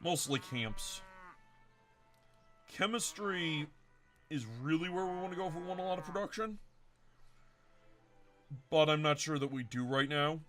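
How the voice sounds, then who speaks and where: A man's voice: on the high side, animated, fairly bright tone, soft background music. Man musing through a strategy game. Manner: thinking aloud, self-correcting, unhurried. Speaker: game commentator. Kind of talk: casual let's-play commentary.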